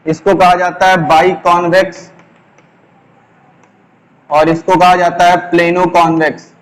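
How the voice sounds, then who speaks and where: High, even-toned teacher man with hall echo. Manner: slow, repeats key terms, asks the class questions. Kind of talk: classroom lesson, explaining while writing on a board. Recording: long echoing reverb.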